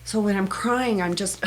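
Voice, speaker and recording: A woman teaching a self-help meditation technique in a soft, earnest manner, speaking in short, repeated phrases. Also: medium pitch. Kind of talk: gentle guided self-help instruction.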